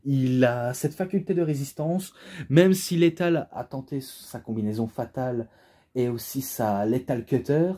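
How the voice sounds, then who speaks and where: A wrestling DVD reviewer gives a rambling, casual spoken review and gets carried away as he goes. His imposing voice is medium in pitch, dark in tone, and unhurried.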